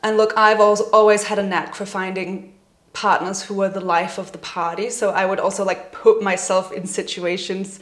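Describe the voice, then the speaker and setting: A woman in her twenties talking candidly and gently in a personal vlog, reflecting on her own experience and laughing now and then. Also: medium pitch, level tone, moderate pace. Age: 20s. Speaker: vlogger. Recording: roomy echoey room.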